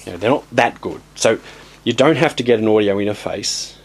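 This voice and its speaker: A man giving a casual, rambling walkthrough of his home studio gear, blunt and offhand, with many ums and restarts, his voice going hoarse. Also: on the low side, brisk, slight background noise. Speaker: home studio tutorial host.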